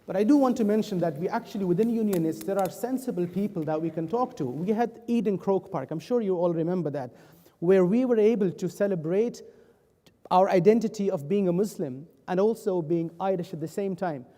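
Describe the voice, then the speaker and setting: A man who was born in Pakistan and grew up in the Netherlands, speaking earnestly and in a measured way as a panelist. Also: sits high, mellow. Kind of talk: panel discussion. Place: event hall. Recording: long hall reverb.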